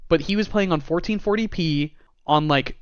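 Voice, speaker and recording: A man's voice: a little high, normal speed, clean tone, no room sound. A man co-hosting a gaming podcast in casual chat, laughing often and reading quotes aloud. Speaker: podcast co-host. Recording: dull dry podcast mic.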